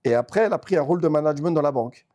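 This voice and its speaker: A Swiss man in an interview, talking about his network organization in quick, chatty bursts with lots of restarts. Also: fairly high pitch, dark tone. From Switzerland. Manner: fast, talkative, many restarts and repeated words. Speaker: network organization regional leader. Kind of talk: casual interview talk.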